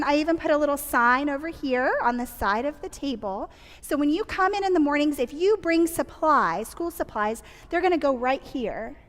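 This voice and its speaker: A high, sing-song woman's voice with a lilt, playfully teaching a room of young campers and asking them lots of questions. Her pitch jumps all over as she talks. A long church-hall reverb trails her words. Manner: animated, playful, asks kids questions. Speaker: children's camp leader. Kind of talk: children's message to young campers.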